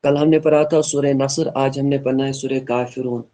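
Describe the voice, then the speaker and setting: A man teaching an online tajweed lesson, explaining rules earnestly and repeating points, then modelling slow melodic recitation. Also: medium pitch, fairly even intonation, mellow.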